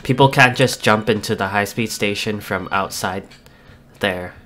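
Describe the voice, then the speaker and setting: Man, let's play host, casual walkthrough, bright tone, lowish pitch. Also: moderate pace, slight background noise. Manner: relaxed, walks through his building changes step by step. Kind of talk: casual gameplay commentary.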